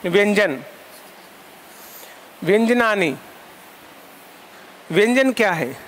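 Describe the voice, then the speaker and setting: A man with a strikingly high voice teaches a Sanskrit class. He fires questions at his students and supplies the answers, running through long repeated lists of terms. He also dictates definitions slowly so that they can be written down. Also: expressive, a bit bright, a little hiss or hum. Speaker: Sanskrit school lecturer teaching online.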